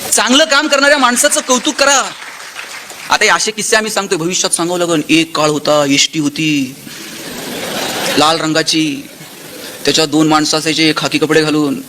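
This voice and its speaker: Guy giving a motivational talk, quick and high-pitched, faint noise behind. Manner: animated storyteller, acts out dialogue with shifting tone. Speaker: motivational speaker. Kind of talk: motivational speech with anecdotes.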